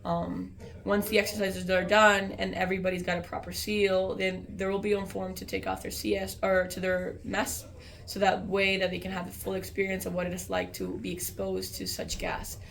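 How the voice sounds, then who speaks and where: Casting: American female soldier, mid-pitched with vocal fry, informal explainer over audible background noise. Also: completely flat delivery, normal speed. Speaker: army soldier explaining training.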